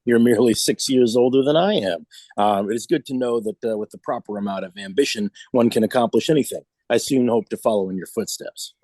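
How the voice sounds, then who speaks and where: A man's voice: mid-range voice, a little fast, a little mellow, dry recording, close to an everyday voice, rough recording. A man playing an ambitious, deferential young academic in a tabletop role-play game. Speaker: player.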